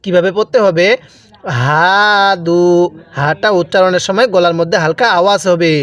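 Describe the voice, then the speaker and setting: A man teaching Quran reading in Bengali, stretching each recited word slowly and then explaining quickly, with a Bangladeshi accent. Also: high voice. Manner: drawn-out recited words between quick explanations. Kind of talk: slow spelled-out Quran reading lesson.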